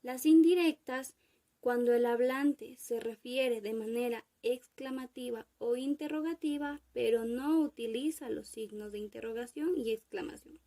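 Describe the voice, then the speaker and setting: Young woman student, high mellow voice, unhurried careful reading of a class talk. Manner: careful, measured reading of definitions and word lists. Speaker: university student presenter. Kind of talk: read-aloud class presentation.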